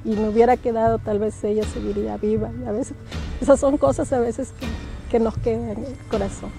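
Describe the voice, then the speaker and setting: A woman's voice: fairly high pitch, steady tone, fairly quick, gravelly, music in the background. A middle-aged woman telling a personal ghost story, emotional and hesitant, often repeating her words. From Peru. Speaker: guest storyteller. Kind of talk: personal paranormal testimony.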